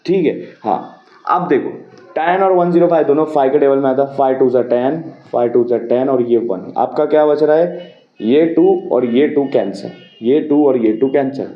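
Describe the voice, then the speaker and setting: A man's voice: medium pitch, normal speed. Patient male maths teacher, roomy lo-fi. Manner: patient, repeats key steps, asks and answers own questions. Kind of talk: explaining a maths problem. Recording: roomy, dull lo-fi sound.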